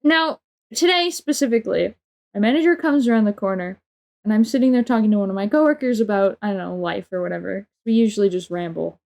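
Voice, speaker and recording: A woman's voice: mid-range voice, quick pace, gravelly, a little mellow. A young adult woman livestreamer telling a casual, exasperated story with lots of swearing and filler words.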